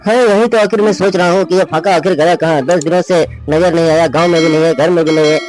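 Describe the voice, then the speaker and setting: A man's voice: fairly high pitch, fairly even intonation, a little mellow, close to an everyday voice, poor audio. A man voicing a bumbling, boastful village police inspector in a cartoon. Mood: blustering. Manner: rambling, rapid, and full of rhyming nonsense. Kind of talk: Hindi cartoon dubbing.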